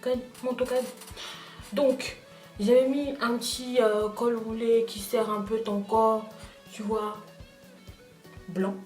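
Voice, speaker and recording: A young woman vlogger telling a personal story in casual chat, talking straight to her viewers in an animated way. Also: on the high side, takes it slowly, long pauses, roomy sound, far from the mic, faint music behind. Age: young adult. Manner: animated, addresses viewers directly.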